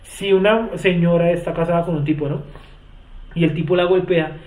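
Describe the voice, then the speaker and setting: A man's voice: on the high side, fairly even intonation, moderate pace, darkish tone. A man teaching a Bible study class, explaining word meanings and often putting questions to his students. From Colombia. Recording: echoey room, tinny phone-like sound.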